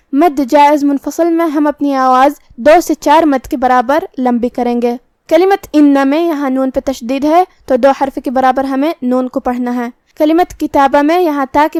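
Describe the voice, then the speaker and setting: A woman with a high voice teaches the rules of recitation, walking through each one step by step. She keeps a calm, methodical teaching pace. The recording is dry and close, with no room sound. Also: no room sound. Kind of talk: tajweed lesson explaining rules.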